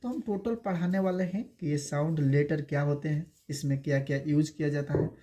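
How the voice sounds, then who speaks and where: A man gives a basic English lesson in a relaxed, mellow voice. He drills each word by repeating it slowly, and he calls his students by fond names as he goes. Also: fairly high pitch. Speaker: English teacher.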